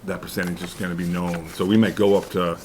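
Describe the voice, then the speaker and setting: A man explaining school costs at a town board meeting, halting and restarting as he goes. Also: deep voice, flat delivery, darkish tone, faint music behind. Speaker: school official presenting to select board. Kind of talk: public meeting presentation.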